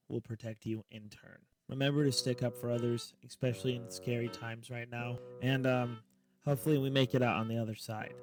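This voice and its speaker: Man, streamer host, reaction commentary, earnest, emphatic, mid pitch. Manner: earnest and emphatic, sometimes loud.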